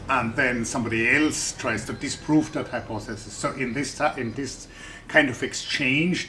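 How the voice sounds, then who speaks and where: A little hiss or hum underlies this mid-range, sharp-toned male voice. He is a science YouTuber with a German accent, chatting and thinking aloud as he explains a scientific debate to ordinary listeners, often restarting what he says.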